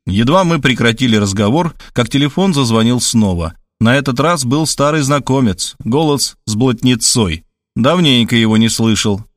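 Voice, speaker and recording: Expressive male audiobook narrator. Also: medium pitch, moderate pace, dry recording, clean studio sound. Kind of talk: first-person audiobook narration.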